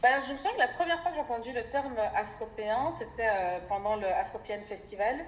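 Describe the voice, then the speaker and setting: A Belgian woman in her twenties speaks as a podcast guest in a reflective interview, thoughtful and hesitating often with fillers. Her slightly high voice moves quickly in an echoey room, with lo-fi sound and heavy background noise.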